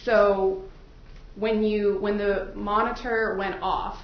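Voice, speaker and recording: Into a microphone in a courtroom, a female defense attorney questions prospective jurors slowly, her medium-pitched delivery flat. She stays informal and explanatory, though the recording is echoey, muffled and full of noise.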